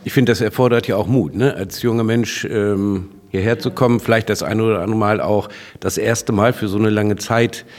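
Lowish-voiced male co-host, musing. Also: fairly even intonation, moderate pace, few pauses. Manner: thoughtful, many fillers. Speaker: podcast co-host. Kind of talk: casual interview chat. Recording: roomy recording.

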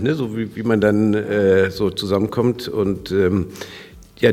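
A man's voice: fairly low pitch, darkish tone. A man co-hosting a podcast who talks in a thoughtful, rambling way with many hesitations. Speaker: podcast co-host. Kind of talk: casual interview chat. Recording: roomy recording.

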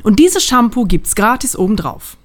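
A woman's voice: a little high, big pitch swings, moderate pace, voice pushed up. A woman voicing a flustered female hair salon owner who keeps up a strained, polite cheer. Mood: forced cheer.

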